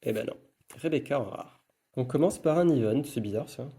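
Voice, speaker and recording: Mellow-voiced man murmuring through a card unboxing. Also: mid-range voice, normal speed, husky. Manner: murmured running commentary, reading card names aloud. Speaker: YouTuber opening trading card packs. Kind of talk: casual unboxing commentary.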